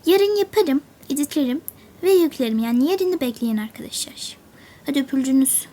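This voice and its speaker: A woman's voice: high-pitched, animated, a little fast, mellow. A woman narrating her own toy game role-play in a chatty way, talking to herself as she plays. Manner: chatty, talks to herself while playing.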